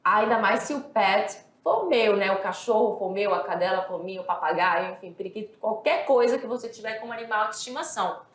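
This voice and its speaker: A woman's voice: mid-range voice, fairly quick, hardly any pauses. A woman English teacher from Brazil, explaining grammar step by step and often checking that the class follows. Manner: explanatory, repeats and checks understanding. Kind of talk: recorded classroom lesson. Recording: echoey room.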